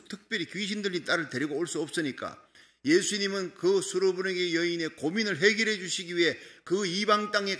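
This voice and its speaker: A man preaching a sermon with a forceful, bright voice that sits fairly high for a man. He is from South Korea and. His delivery is impassioned, and his voice swells as he presses his points. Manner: impassioned preaching with acted quotations. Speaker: pastor.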